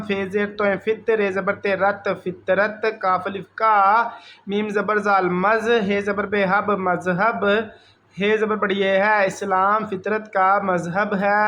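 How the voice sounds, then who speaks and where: A man with a high, fairly flat voice leads a children's reading lesson. He spells each word out slowly, syllable by syllable, and keeps a steady, patient delivery. A faint hiss of background noise sits under the recording. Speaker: Urdu reading teacher.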